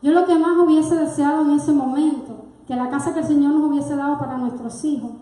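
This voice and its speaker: A woman's voice: sits high, fairly even intonation, a little fast, dark tone. A woman, giving an earnest, emotional personal testimony to her church congregation. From Cuba. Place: church sanctuary. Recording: very echoey church hall.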